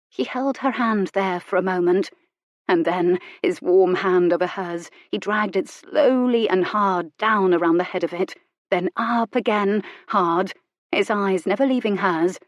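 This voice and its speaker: A woman narrating a romance novel in an intimate, measured reading. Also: medium pitch, no room sound, lo-fi sound. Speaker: audiobook narrator.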